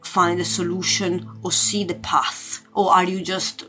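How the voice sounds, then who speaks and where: Here the spiritual coach speaks in a lowish, level, unhurried voice during a relaxed live tarot session. Loud music plays beneath her as she gropes for words and repeats herself often.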